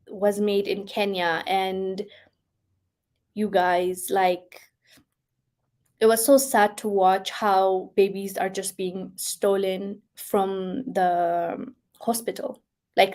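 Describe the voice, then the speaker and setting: A woman hosts a casual talk, reading viewer comments aloud and responding to them in an ordinary middle-pitched voice. She's expressive, laughs a lot, and swings between soft, quiet remarks and bursts of excitement.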